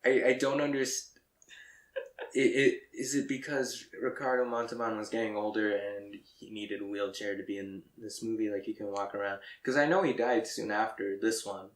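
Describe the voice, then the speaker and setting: A man co-hosting a casual movie discussion podcast, wry and critical, with quick asides. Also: lowish voice, fairly even intonation. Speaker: podcast co-host. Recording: echoey room.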